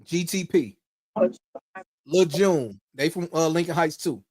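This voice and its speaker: Laid-back man chatting, slightly high voice. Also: slow pace, darkish tone, no echo, clean studio sound. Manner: laid-back, swears freely, trails off into asides. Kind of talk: casual chat.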